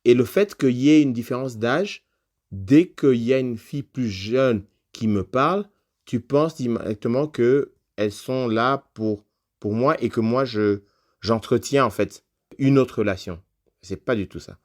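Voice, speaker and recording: A man's voice: medium pitch, a little slow, a little mellow. A man, a podcast guest, telling a personal story in a casual conversational way, with loose phrasing and frequent fillers.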